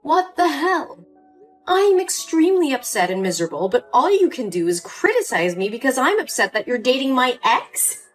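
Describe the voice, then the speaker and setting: A woman's voice: on the high side, sing-song, a little fast, few pauses. A woman voicing an emotional young daughter pleading with her mother in a story drama, with faint music behind. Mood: upset.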